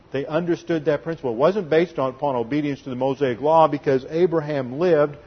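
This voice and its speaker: A husky-voiced man delivers an expository sermon in a deliberate teaching tone, pausing to stress key words. His voice sits in an ordinary middle range. The recording is muffled and lo-fi. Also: medium pitch. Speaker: pastor.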